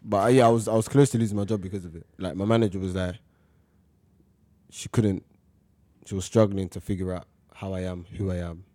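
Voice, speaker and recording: Lowish-voiced young London man. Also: steady tone, brisk, pauses often, dark tone, dry recording. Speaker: school staff member. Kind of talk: casual chat with slang.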